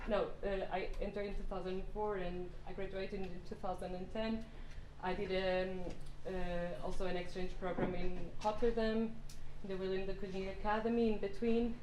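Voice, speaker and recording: At a normal speed with few pauses and a level tone, a woman in her thirties from Portugal speaks in a mid-range voice, accented Portuguese, as a lecture-room guest speaker. The talk is hesitant, marked by frequent fillers, restarts, and slightly non-native phrasing. Faint noise sits in the roomy hall.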